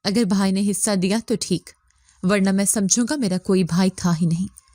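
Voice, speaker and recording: A woman's voice: medium pitch, fairly even intonation, warm tone, no echo, clean studio sound, natural voice. Stern harsh village father, as a woman narrator puts him on. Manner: stern, scolding.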